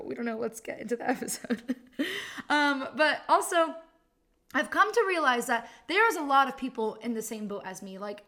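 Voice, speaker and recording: Her voice is on the high side with a fairly bright tone as this woman in her twenties talks casually on her own podcast. Laughing often and poking fun at herself, she leans heavily on likes and ums.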